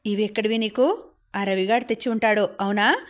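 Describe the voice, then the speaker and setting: A woman's voice: medium pitch, fairly even intonation, moderate pace, close to an everyday voice. Woman doing a stern scolding father.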